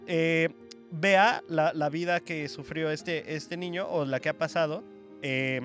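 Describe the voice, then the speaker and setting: A man's voice: on the high side, fairly even intonation, slow, a bit bright, soft background music. A man with a Mexican Spanish accent co-hosting a podcast, rambling and poking fun at himself in casual chat. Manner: rambling, self-mocking, laughs often. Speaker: podcast co-host.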